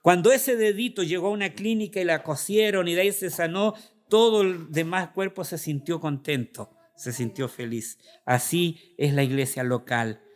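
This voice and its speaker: Earnest Chilean pastor preaching. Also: male voice, a little high, normal speed. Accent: Chilean Spanish. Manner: earnest, confessional preaching, acting out his own prayers. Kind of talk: sermon.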